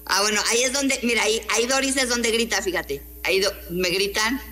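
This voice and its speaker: A woman's voice: fairly high pitch, a little fast, bright, forceful tone. A woman with a Mexican Spanish accent, a newspaper columnist answering interview questions in an emphatic, combative way, throwing in rhetorical questions.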